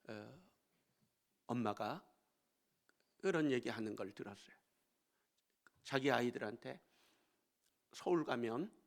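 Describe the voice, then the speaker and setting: A male pastor gives a storytelling sermon in a church, his voice gravelly with a rough, creaky edge. He sits at a middle pitch and moves between quiet, confiding asides and sudden emphatic lifts. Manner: storytelling, swinging from hushed asides to emphatic exclamations. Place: church sanctuary.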